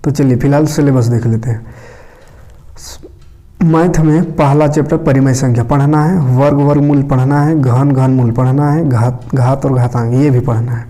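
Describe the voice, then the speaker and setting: Mellow-voiced male teacher from Jharkhand. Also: medium pitch, fairly even intonation, moderate pace. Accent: Jharkhand Hindi. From India. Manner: conversational, tag phrases like "okay" and "isn't it". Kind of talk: casual explanatory lesson.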